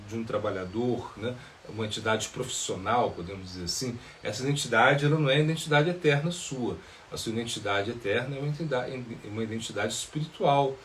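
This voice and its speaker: A man's voice: medium pitch, a little hiss or hum. Hesitant man giving a spiritual talk. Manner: hesitant, many filler sounds and tag questions. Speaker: monk teaching in a live Q&A. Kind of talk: spiritual talk answering questions.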